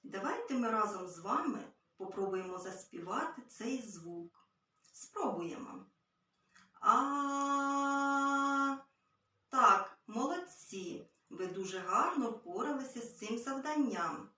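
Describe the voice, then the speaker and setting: A woman teaching a literacy lesson to small children, gently and patiently. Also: mid-range voice, animated, unhurried. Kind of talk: early-years literacy lesson. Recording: very echoey room, far from mic.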